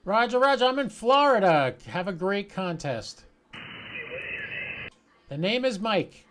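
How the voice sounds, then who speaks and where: Sing-song and a little slow, a man's high-sitting voice offers casual commentary while he works a ham radio, talking himself through every step. The recording is swamped with loud hiss and static, plus background ham radio chatter.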